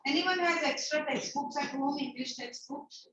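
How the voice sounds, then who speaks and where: A woman's voice: sits high, moderate pace, fairly bright tone. A woman with an Indian accent teaching a school class, giving instructions and asking questions in an echoey, noisy room. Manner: instructive, asks frequent questions. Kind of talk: classroom teaching, addressing pupils. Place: indoor classroom with pupils. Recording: echoey classroom, distant mic, muffled, noisy.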